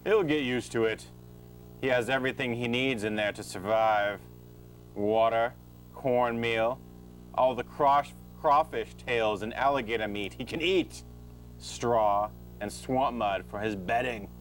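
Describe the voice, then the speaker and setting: A man playing a smooth-talking, unethical professor with a pompous, falsely genial manner in an amateur comedy audio drama. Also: mid-range voice, a little slow, slight background noise, natural voice, low-quality recording. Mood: self-satisfied.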